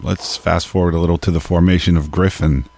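A male podcast host who announces tracks and asks questions in a measured, polite way. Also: low-pitched, fairly even intonation, creaky, darkish tone, dry recording. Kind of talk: radio-style interview hosting.

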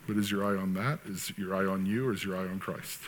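A man's voice: low-pitched, fairly even intonation, quick pace, in a large hall, slight background noise. A man preaching a sermon in a conversational way, with sarcastic asides and acted-out quotes. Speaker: pastor.

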